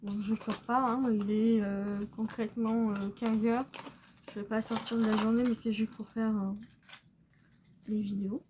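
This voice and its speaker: A young woman talking casually while doing her makeup at home, soft-spoken and halting, full of pauses and fillers. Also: fairly high pitch, little pitch movement, a little hiss or hum. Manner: hesitant, halting, many fillers; soft and subdued. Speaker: beauty vlogger. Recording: slightly dull recording, faint room ambience.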